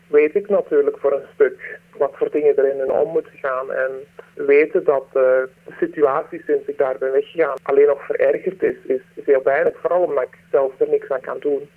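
A woman, her voice disguised by a deep pitch-shift distortion, answering a radio interview earnestly with hesitant pauses. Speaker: anonymous former aid worker interviewee. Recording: distorted, narrow phone-like sound.

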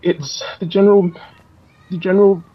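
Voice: mid-range voice, little pitch movement, normal speed, slightly rough, dull audio. Anonymous tenant with a disguised voice. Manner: hesitant, with filler sounds. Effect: electronically disguised voice. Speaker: anonymous public housing tenant. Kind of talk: interview clip in a news report.

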